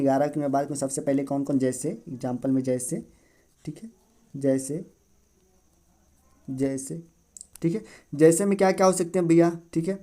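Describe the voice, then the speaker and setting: A man's voice: fairly high pitch, warm tone. Man teaching grammar, repeating every point. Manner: repetitive, asks and answers own questions, frequent "theek hai". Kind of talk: online grammar lesson.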